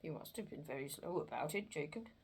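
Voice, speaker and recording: A woman voicing a frightened old miser man, with a high, strained, pleading voice, in a storybook reading. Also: expressive, measured pace, vocal fry, breathy edge, full character voice. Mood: businesslike.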